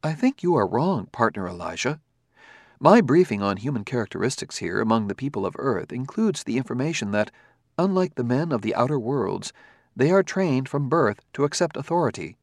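A man's voice: mid-range voice, sing-song, normal speed, no room sound, clean studio sound. A man voicing a polite, formal male humanoid robot who speaks precisely, with no contractions.

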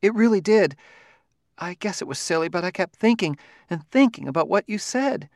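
A man's voice: high voice, animated, normal speed, creaky, dry recording, clean studio sound, pitched above the performer's own voice. A man reading an audiobook, voicing a chatty, anxious middle-aged wife who rambles on in a raised voice. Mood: rambling.

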